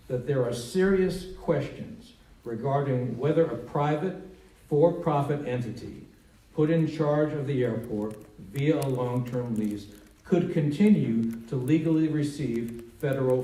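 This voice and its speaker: A congressman's communications director speaks formally, reading a prepared statement at an indoor town hall. His warm, mid-range voice echoes through the hall, captured from a distance with faint noise.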